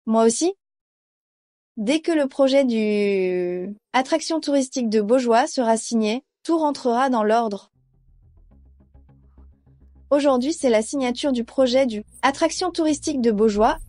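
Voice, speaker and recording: A scheming young wife bent on revenge, dubbed by a woman in a drama. She speaks in a fairly high, sharp and urgent voice. The recording is close and dry, with faint music underneath. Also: unhurried, pauses often, dry recording, lightly acted. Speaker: dub actress.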